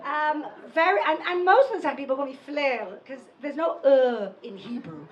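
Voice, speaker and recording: A woman's voice: high-pitched, brisk, highs cut off. A middle-aged woman giving a humorous, self-deprecating personal talk on a microphone to a live audience. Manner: animated, self-deprecating, joking. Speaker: speaker at a live storytelling night. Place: live event venue with an audience. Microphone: handheld microphone.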